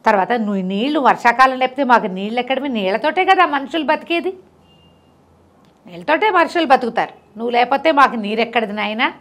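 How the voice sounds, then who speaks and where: A woman voicing a gentle, meek old village grandmother who speaks softly and fondly in a storybook tale. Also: a little high, lively intonation, a little fast. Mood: fond, soothing. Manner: soft, affectionate and praising.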